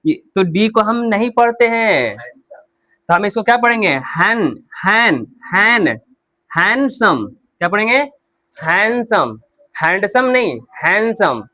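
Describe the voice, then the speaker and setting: High-voiced male teacher drilling pronunciation. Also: pushed and bright, dry recording. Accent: Hindi. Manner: repetitive drilling, asks questions and answers them himself. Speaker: English teacher. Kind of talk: spoken English lesson in Hindi.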